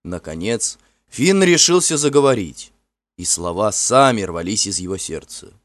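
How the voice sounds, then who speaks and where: Expressive male fairy-tale narrator. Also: lowish voice, measured pace, dry recording. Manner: expressive, storytelling. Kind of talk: audiobook narration.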